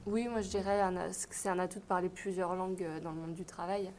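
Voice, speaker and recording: Quick-talking young student with a mellow, flat delivery, radio guest. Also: female voice, on the low side, a little hiss or hum. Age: young adult. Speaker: language student. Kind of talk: radio interview answers.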